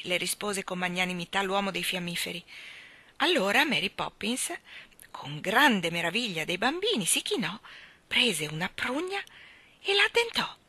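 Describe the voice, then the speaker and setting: A woman reading a children's storybook aloud, expressive and animated. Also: mid-range voice, dry recording. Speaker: reader.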